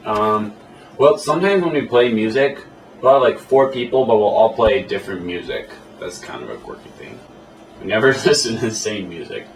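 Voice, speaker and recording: A man's voice: fairly low pitch, lively intonation, normal speed. A man who works as an animator, chatting casually in an interview and telling rambling, self-amused stories. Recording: echoey room, mic at a distance, faint hiss.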